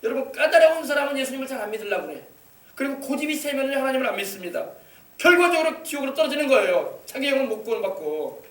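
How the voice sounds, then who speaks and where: High-voiced pastor preaching fast. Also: male voice, expressive. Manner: emphatic, exhorting, many rhetorical questions. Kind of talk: sermon. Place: church sanctuary. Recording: echoey church hall, mic at a distance.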